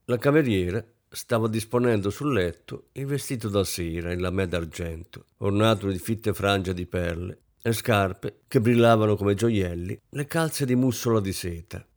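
A man narrating a novel as an audiobook in a measured, expressive way. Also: on the low side.

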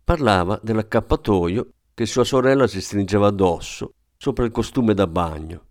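A man narrating an audiobook in a calm, measured storytelling manner. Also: fairly low pitch, no echo, clean studio sound. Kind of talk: scripted narration.

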